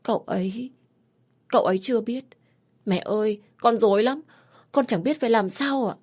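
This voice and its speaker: A woman voicing a frightened seventeen-year-old girl who pleads in halting, apologetic bits. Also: mid-range voice, a little mellow, voice pushed up, natural voice. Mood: tearful.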